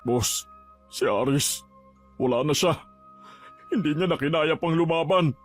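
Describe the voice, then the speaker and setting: A young worker speaks low and respectfully, as a man voices him. His tone is subdued and grave. Faint music runs beneath. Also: a little slow, natural voice. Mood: somber.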